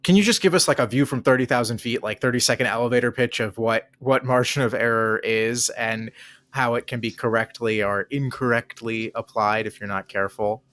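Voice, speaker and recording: A man's voice: mid-range voice, fairly quick, a bit bright. A man hosting a political podcast, talking conversationally, thinking aloud and repeating words as he asks questions. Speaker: podcast host.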